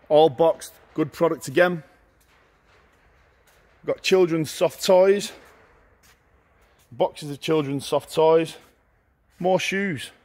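A middle-aged man walking through a large warehouse, listing auction lots in short, brisk phrases as he goes. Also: fairly high pitch. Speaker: auctioneer giving a viewing tour. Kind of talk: walking tour commentary. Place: large indoor warehouse with shelving.

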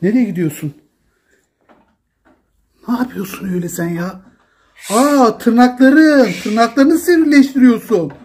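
A man talking casually at home, pleading and gently scolding with repeated short commands to calm down. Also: extremely high pitch, measured pace, pauses often. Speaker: father filming his daughter at play.

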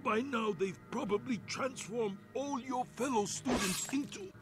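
A dying old game sensei, coughing, weak, solemn, unhurried. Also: male voice, very high-pitched, music in the background. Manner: slow solemn warnings. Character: dying old male martial-arts sensei, grave.

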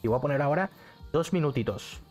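A man's voice: fairly high pitch, animated, fast, darkish tone, faint music behind. A young man, chatting casually on a live stream from a neon-lit bedroom, repeating phrases and reading the chat aloud. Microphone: studio mic on arm, headset.

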